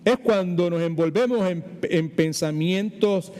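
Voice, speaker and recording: Puerto Rican pastor in a reverberant hall. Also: male voice, sits high, measured pace, warm tone. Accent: Puerto Rican Spanish. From Puerto Rico. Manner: chatty, digressive, mixes English words into Spanish. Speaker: pastor teaching a Bible study. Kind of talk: informal sermon teaching.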